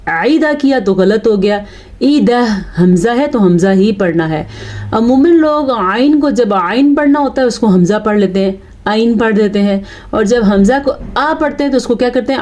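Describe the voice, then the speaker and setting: A woman teaching Quran recitation in a Pakistani Urdu accent, chanting verses slowly and then explaining pronunciation rules and correcting common mistakes. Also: mid-range voice, mellow. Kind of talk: tajweed lesson.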